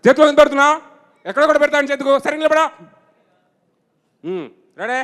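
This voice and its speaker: Man impersonating a scolding film director, very high squeaky voice, bright sharp tone. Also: animated, fast, big-room sound. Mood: bossy shouting. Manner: barking orders, scolding the crew. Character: impatient shouting male film director on set.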